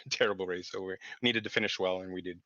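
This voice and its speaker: A man's voice: deep voice, steady tone, quick pace, bright, forceful tone, dry recording. A man from Canada talking casually and easily as a driver being interviewed, over a dull voice link.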